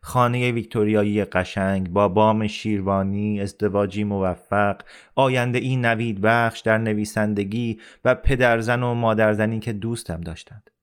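Man reading a novel in a steady, low voice. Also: clean tone. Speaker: audiobook reader. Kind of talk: scripted narration of a novel.

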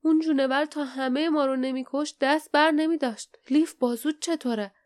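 A woman's voice: sits high, steady tone, voice pushed up, lightly acted. A woman reading the lines of a weary grown male warrior in a plain voice. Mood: relieved.

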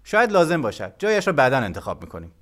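A man's voice: mid-range voice, huge pitch swings, a bit bright, pitched above the performer's own voice. A man voicing a stubborn, defiant boy who gives curt, firm demands in an audiobook. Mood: determined.

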